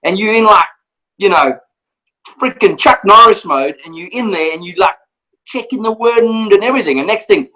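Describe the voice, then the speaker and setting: A man, a professional hunter, telling a lively story in a casual, animated way and acting out voices. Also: high-pitched, moderate pace, poor audio. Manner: animated, laughing, acts out voices.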